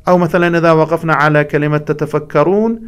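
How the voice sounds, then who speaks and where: A man's voice: on the high side, steady tone, quick pace, smooth. A man teaching the rules of scripture recitation, explaining each point and breaking off to chant short examples.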